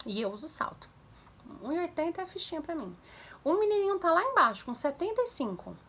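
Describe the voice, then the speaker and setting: A young woman casually giving parenting advice to viewers, animated, acting out commands in a raised voice. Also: very high voice, a little fast. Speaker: mother sharing parenting tips.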